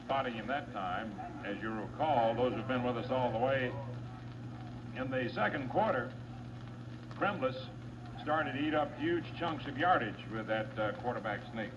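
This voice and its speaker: Announcer, man, fast-listing names and yardage, muffled old wire recording, steady hiss. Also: medium pitch. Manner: brisk, reels off names, yard lines and down-and-distance. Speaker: play-by-play announcer. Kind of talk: live radio football play-by-play.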